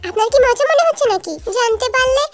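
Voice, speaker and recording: A narrator voicing a pouting, scolding young female nursing student, over loud background music. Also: very high voice, lively intonation, fast. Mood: worried. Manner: pouty, scolding.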